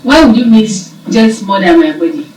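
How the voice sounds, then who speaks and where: A woman's voice: mid-range voice, expressive, a little mellow. Playful woman interviewer, echoey and distant. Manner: playful, teasing, quick to laugh. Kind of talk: casual interview chat. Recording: roomy, from a distance, faint noise.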